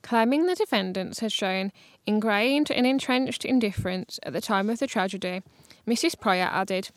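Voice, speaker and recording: A woman's voice: medium pitch, moderate pace, dry recording. Woman reading a court news report. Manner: steady reading with occasional stumbles. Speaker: news reader. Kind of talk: read-aloud news report.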